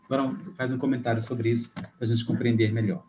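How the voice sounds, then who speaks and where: A man lecturing to a class, explaining things step by step. He thinks aloud, backs up and restarts phrases, and checks in with his listeners as he goes. His voice sits at an ordinary middle pitch for a man. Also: flat delivery, fairly quick, noisy background.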